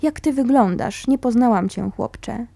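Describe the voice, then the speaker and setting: A dignified older music teacher who speaks with quiet command and real tenderness, as a woman narrator voices her. Her tone is mellow and soft-edged, and the recording is close and dry, with no room around it. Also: on the high side, a little slow, vocal fry, no room sound. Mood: tender. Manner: commanding yet affectionate.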